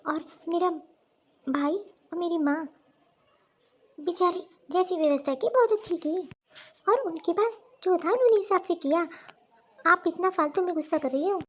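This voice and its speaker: A woman's voice: very high-pitched, normal speed, pauses often. A woman voicing a middle-aged mother-in-law in a cartoon story who frets about family honor. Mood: pleading.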